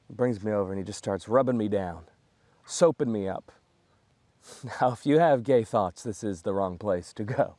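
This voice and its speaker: An American man, a comedian, telling a comic story in a chatty, self-mocking, animated way. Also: lowish voice, no echo. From United States.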